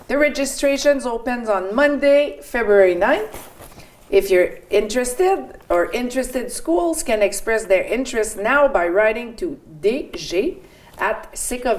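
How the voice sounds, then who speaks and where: A woman's voice: on the high side, a little mellow. A woman in her forties with a French Canadian accent, co-hosting community radio and reading local notices with chatty asides. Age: 40s. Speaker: radio co-host. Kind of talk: community radio announcements and banter.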